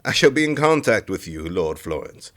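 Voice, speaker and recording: A man's voice: sits low, sing-song, a bit bright. A man playing a stern, imperious king. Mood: condescending. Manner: commanding, measured royal decrees. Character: stern imperious middle-aged king and father. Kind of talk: audio drama acting.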